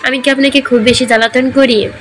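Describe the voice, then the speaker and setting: A woman's voice: a little high, fairly even intonation, a little fast, creaky, sharp tone, slight background noise. A woman reading as a sulky young woman. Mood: hurt.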